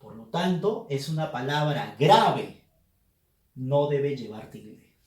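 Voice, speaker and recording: A man giving a Spanish spelling lesson, speaking slowly and with emphasis, like a teacher addressing his students. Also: mid-range voice, expressive, darkish tone. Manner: slow, emphatic teaching delivery. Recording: echoey room.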